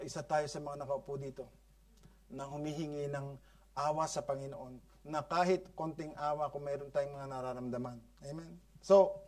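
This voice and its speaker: A male pastor with a Filipino accent preaching a sermon, mixing Tagalog and English, often asking the congregation "no?" and "Amen?", swelling loud for emphasis and then dropping soft. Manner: switches between Tagalog and English, frequent "no?" and "Amen?" prompts; rises in loudness for emphasis, then drops to soft, low phrases. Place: church congregation.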